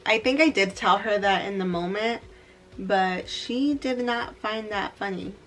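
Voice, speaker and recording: A woman's voice: medium pitch, unhurried, a little hiss or hum. Woman telling a storytime vlog. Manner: animated, laughing, switching into Spanish. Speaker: beauty vlogger. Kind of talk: get-ready-with-me storytime.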